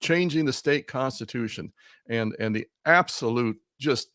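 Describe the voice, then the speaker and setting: A man's voice: medium pitch, unhurried, fairly bright tone, no echo, clean studio sound. A man speaking as a remote guest over a video call, giving heated, emphatic political commentary and often repeating words. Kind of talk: talk show commentary. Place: Missouri.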